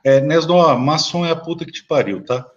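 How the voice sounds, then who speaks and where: A Brazilian lawyer in a heated political live chat, blunt and combative, swearing at viewers. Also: male voice, a little high, normal speed, highs cut off. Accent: Brazilian Portuguese. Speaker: lawyer, live stream guest.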